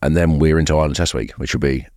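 A man's voice: very deep voice, steady tone, very fast, a little mellow, no room sound. A man co-hosting a rugby podcast in a studio, chatting in a laid-back way with dry banter. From England. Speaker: podcast co-host, rugby player. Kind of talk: casual chat.

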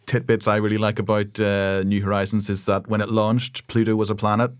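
A man's voice: on the low side, level tone, a little fast, clear, resonant tone. A man in casual podcast chat, enthusiastic and admiring.

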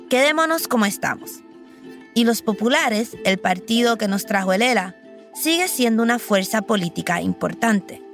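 A woman hosting and narrating a documentary podcast in a personal, reflective storytelling manner. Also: fairly high pitch. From Puerto Rico.

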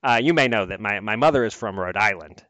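A man's voice: fairly low pitch, expressive, brisk, bright, forceful tone, dry recording. A man co-hosting a podcast, running through news items in a casual, conversational way and laughing easily. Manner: conversational, laughs easily, filler-heavy asides. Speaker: podcast co-host.

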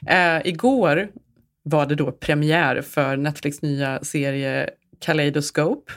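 Casting: young adult co-host, chatty and enthusiastic, mid-pitched voice, casual talk. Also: steady tone, a bit bright. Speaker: podcast co-host. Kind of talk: casual chat.

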